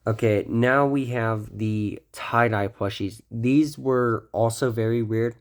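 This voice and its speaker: Slow and medium-pitched, a young man rambles through a casual show-and-tell of his toys. A cold makes his voice somewhat stuffy, and he keeps inserting ums and revising what he says.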